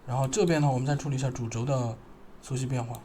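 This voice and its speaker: A man narrating a screen-recorded software tutorial, thinking aloud and pausing as he works. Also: mid-range voice, steady tone, a little hiss or hum. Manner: thinking aloud, halting, pausing while working.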